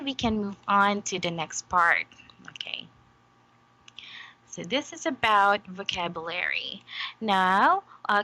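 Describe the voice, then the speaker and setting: A woman's voice: mid-range voice, sharp tone, poor audio. A woman giving an online English demo lesson, patient and encouraging, checking understanding with frequent "okay?".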